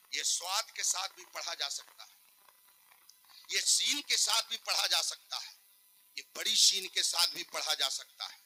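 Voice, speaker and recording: A man preaching a sermon at a public gathering. He moves from soft teaching to loud shouted climaxes and draws out his recitations slowly. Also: fairly high pitch, breathy edge, poor audio. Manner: recites Quranic phrases slowly and drawn out.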